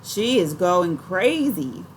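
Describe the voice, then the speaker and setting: A woman voicing an excitable young boy who fires off alarmed questions. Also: on the low side, takes it slowly, slight background noise, low-quality recording. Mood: dismayed.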